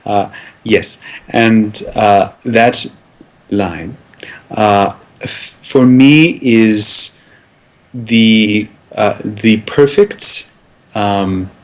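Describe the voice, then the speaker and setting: A man playing a pompous, fussy academic film critic in an improvised comedy sketch, halting and hesitating constantly. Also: fairly low pitch.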